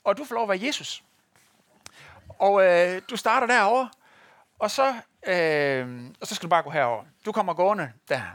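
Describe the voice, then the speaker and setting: High-voiced man preaching a sermon. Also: no room sound. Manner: lively storytelling, addresses the congregation directly. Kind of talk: sermon with a live demonstration. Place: church in front of a congregation.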